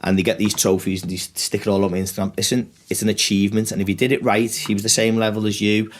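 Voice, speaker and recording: A man's voice: lowish voice, fast. A middle-aged man with a northern English accent chatting casually and telling stories animatedly, with plenty of swearing. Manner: animated storyteller, acts out exchanges, swears freely. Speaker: podcast guest, former fighter and trainer. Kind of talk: casual podcast chat.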